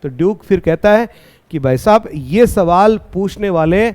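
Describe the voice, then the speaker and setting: High-voiced, slow-talking male teacher. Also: lively intonation, darkish tone. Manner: reads English lines slowly, then explains with rhetorical questions. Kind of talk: line-by-line poem explanation lesson.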